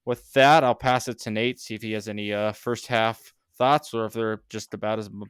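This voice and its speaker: A man talks through a sports podcast in a low, resonant voice, heavy with fillers and dry sarcasm. The sound is close and dry with no room echo. He rambles casually as a regular co-host. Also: fairly even intonation, normal speed, a bit bright, clean tone.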